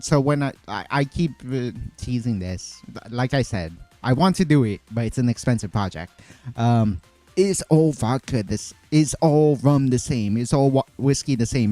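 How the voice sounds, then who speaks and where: A man chatting on a stream in a loose, rambling way, full of fillers and restarts. His voice is mellow and mid-pitched, recorded close and dry with faint music behind him. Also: no echo. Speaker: streamer making cocktails. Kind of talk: casual chat.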